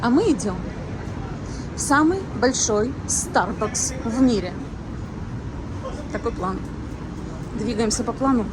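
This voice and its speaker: A woman's voice: on the high side, lively intonation, takes it slowly, pauses often. A woman in her thirties vlogging casually outdoors, musing aloud and rambling with fillers and restarts. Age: 30s. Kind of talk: casual walking vlog chat. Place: outdoors on a city street. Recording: street traffic noise behind.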